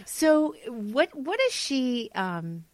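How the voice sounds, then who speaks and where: A woman's voice: high voice, big pitch swings, extremely slow. A woman hosting an interview, enthusiastic and affirming toward her guest. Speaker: host. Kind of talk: podcast interview.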